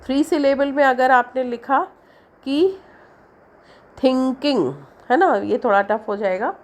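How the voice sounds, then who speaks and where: Slow, high-voiced woman teaching. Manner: slow explanatory, drawing out example words. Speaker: English teacher. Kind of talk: syllabus lesson.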